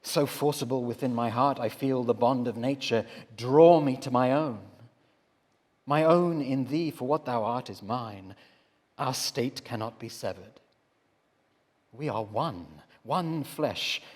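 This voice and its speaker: A man voicing Adam, the first man, devoted and torn, in an impassioned dramatic verse reading that swings from hushed to loud. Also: mid-range voice, takes it slowly. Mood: resolved. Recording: long hall reverb.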